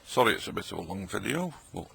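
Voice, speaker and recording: A middle-aged man with a low, gravelly, bright voice talks fast in a sing-song, forceful way. He jokes and rambles while tasting old tinned food at his table late at night, in casual vlog style, with slight background noise.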